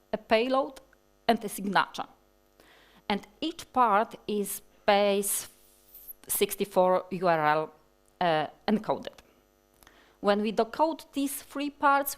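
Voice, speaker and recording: A woman in her forties, with a Polish accent and a mid-range voice, talks through technical material at a conference, standing on a large hall's stage. Her pace is slow and deliberate, with frequent fillers and restarts.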